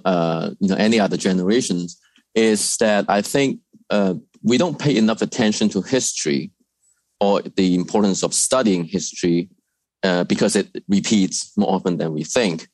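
A man's voice: sits low, darkish tone, no echo. A man from China, a research fellow, answering interview questions thoughtfully with frequent fillers and restarts.

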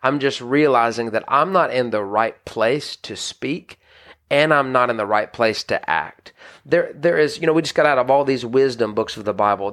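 A married pastor teaching scripture on a podcast has a mid-range voice that's a bit bright. He's earnest and conversational, often restarting sentences and dropping in "you know".

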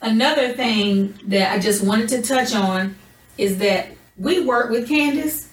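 Woman podcaster, slow deliberate talk, distant echo. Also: a little high. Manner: deliberate, slows down when gathering thoughts. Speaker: podcast co-host. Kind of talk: casual podcast chat.

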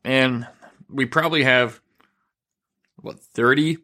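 A man's voice: mid-range voice, steady tone, takes it slowly, bright, forceful tone. A male podcast host with an electronically altered voice, talking in a chatty, easygoing way. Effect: voice altered to disguise identity. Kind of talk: casual podcast chat.

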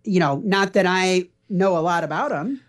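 A middle-aged man, a parenting blogger appearing as a podcast guest, speaks in a high-pitched voice at a moderate pace. His answers are earnest, explanatory and conversational.

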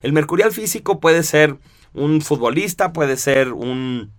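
A man's voice: a little high, animated, unhurried. Casual Mexican man explaining. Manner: conversational, asks rhetorical tag questions. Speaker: lecturer on personality types.

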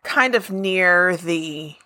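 A woman co-hosting a podcast, chatting casually with some halting restarts. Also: lowish voice, bright, forceful tone. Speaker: podcast co-host. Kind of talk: casual chat.

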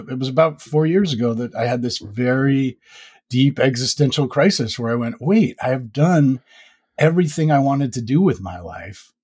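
This is a fifties-aged male podcaster being interviewed, his mid-range voice a little mellow with a breathy edge. Reflective and rambling, he fills his speech with many fillers during a relaxed interview chat between podcast host and guest.

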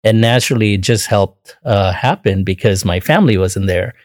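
A man from Bangladesh answering interview questions in a measured, earnest way with frequent pauses and fillers. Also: fairly low pitch, darkish tone, no echo, studio quality. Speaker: interview guest.

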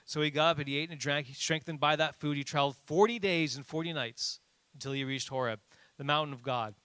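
Bright, animated male preacher. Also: fairly high pitch, a little fast, smooth, dry recording. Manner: animated, rises sharply for emphasis; conversational with frequent fillers. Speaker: pastor. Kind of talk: sermon.

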